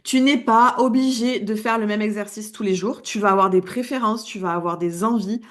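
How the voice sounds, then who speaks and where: A woman with an accent in French, a coach giving a casual, lively video lesson and laughing at herself as she talks. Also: medium pitch, brisk. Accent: non-standard French accent. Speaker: wellness coach.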